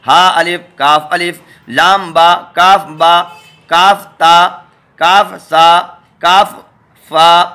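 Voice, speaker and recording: A man teaching a Quran reading lesson, patiently naming letter pairs and repeating each one slowly for his viewers. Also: a little high, fairly even intonation, bright, forceful tone, clear, resonant tone. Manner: addresses viewers directly, asks them to look. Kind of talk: step-by-step spoken lesson.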